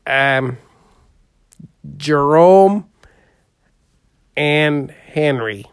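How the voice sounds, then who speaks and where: In an improvised comedy interview, a man plays a goofy, good-natured, heavyset folksy portrait painter who drawls and rambles, filling every pause with "uh" and "there." His a-little-high voice is animated, swinging widely up and down. The sound is clean, dry and close, with no room sound.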